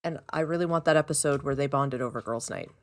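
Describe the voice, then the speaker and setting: A woman co-hosting a podcast, recapping an episode in casual chat, animated and giggly with sarcastic asides. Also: sits low, quick pace. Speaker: podcast co-host.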